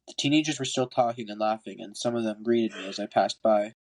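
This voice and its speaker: A man with a fairly low voice reads briskly through an amateur audiobook, his nose audibly stuffy. Acting as a podcast host, he occasionally stumbles and rereads lines.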